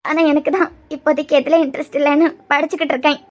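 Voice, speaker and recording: A woman's voice: high voice, flat delivery, very fast, lightly acted. A woman voicing a remorseful, lonely young woman in a cartoon, with a Kanyakumari Tamil accent and a pleading, confessional way of talking.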